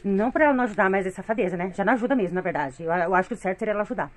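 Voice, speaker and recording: A middle-aged woman with a Brazilian Portuguese accent talks quickly while venting her frustrations. Her voice sounds weary and complaining, and she moves at a rapid clip. It is a casual home vlog recorded on a phone in a living room. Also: medium pitch. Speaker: vlogger, mother of three.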